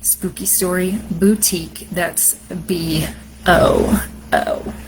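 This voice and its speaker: A woman host and storyteller with a deep, sultry voice, chatting casually on a live stream in a rambling way. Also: steady tone, very slow, slight background noise, rough recording. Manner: chatty and rambling, many fillers.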